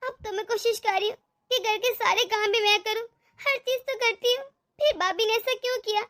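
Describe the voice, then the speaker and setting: A woman doing a meek tearful young widow. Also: very high voice. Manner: soft, sorrowful, tearful. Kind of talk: animated cartoon voice acting.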